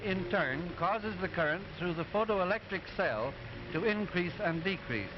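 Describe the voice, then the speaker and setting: A patient cartoon professor from an early talkie film. His voice is high and he lectures in careful, didactic phrases. The soundtrack is dull and vintage, with music playing behind him. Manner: deliberate, didactic, clearly enunciated. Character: instructive professor explaining machinery to pupils. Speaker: narrator explaining sound film.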